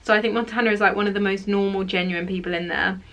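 Bright, chatty young woman. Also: mid-range voice, fairly even intonation, fast talker. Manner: chatty, opinionated, lots of fillers. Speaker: vlogger. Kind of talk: casual chat. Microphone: camera mic.

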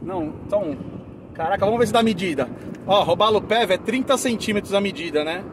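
São guy hosting a fishing vlog on a boat, highish voice, loud wind on the mic. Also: brisk. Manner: chatty, excited, laughs often. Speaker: fishing vlogger host. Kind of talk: casual on-camera fishing chat. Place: outdoors on a boat at sea.

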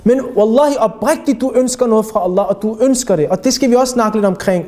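A man giving a religious lecture to young people as an Islamic teacher, talking animatedly and putting rhetorical questions to his listeners. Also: sits high. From Denmark. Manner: animated, addresses audience directly with rhetorical questions.

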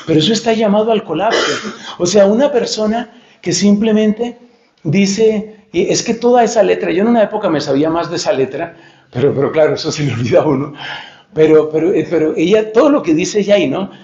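A man giving an animated, joking lecture-style talk as a friar preacher, who searches for words and mocks the voices he quotes. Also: high voice, fairly quick. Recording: echoey lo-fi room recording.

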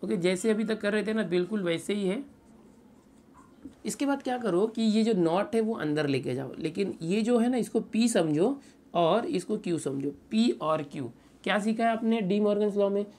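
A man teaching a maths lesson, patiently going through each step, asking rhetorical questions and reading English statements slowly word by word. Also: sits high, animated, a little mellow.

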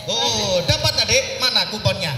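A man with a Javanese-influenced accent hosts a live raffle loudly and playfully, rousing the crowd and calling out numbers. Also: high-pitched, normal speed. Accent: Javanese-influenced Indonesian. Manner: animated, repetitive crowd-rousing with playful banter. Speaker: master of ceremonies at a raffle. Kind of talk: loud live event hosting, calling coupon numbers to a crowd. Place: open grassy campground at night. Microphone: handheld PA mic, filmed from afar. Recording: echoing loudspeaker outdoors, music and crowd noise. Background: music and crowd chatter.

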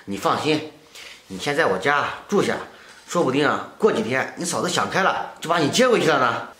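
A man playing a kindly single scrap collector who talks with warm concern. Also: medium pitch, expressive, a little fast. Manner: warm-hearted, concerned, chatty.

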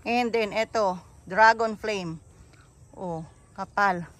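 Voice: mid-range voice, takes it slowly, a bit bright, no room sound. Chatty plant seller touring a garden. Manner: chatty, points out plants one by one. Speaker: bougainvillea seller giving a garden tour. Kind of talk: casual garden walkthrough vlog.

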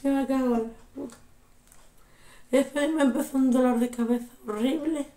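A young woman, telling a story casually in a vlog with animated, repeated exclamations, sounding unwell. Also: sits high, moderate pace, roomy sound. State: unwell, recovering from illness. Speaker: vlogger.

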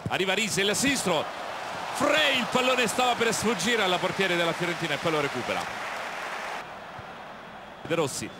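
A man commentates live football in a high-pitched, breathless voice. His calls are excited, with repeated shouts on goals. Loud stadium noise fills the broadcast behind him. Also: normal speed, long pauses, a loud crowd. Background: loud football stadium ambience.

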